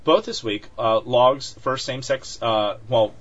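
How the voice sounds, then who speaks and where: A man's voice: medium pitch, a little slow, a bit bright. Male podcast co-host, rambling and chatty, mid-range voice, muffled lo-fi recording. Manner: chatty, many fillers and restarts, laughs often. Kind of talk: casual chat. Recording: dull lo-fi sound.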